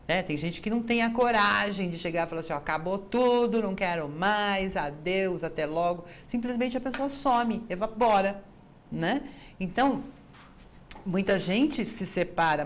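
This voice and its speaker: A woman's voice: on the low side, a little hiss or hum. A woman with a Brazilian Portuguese accent hosting an advice show as a psychologist, talking straight to viewers and acting out the quoted lines herself. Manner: lively, acts out quoted dialogue. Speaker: psychologist host.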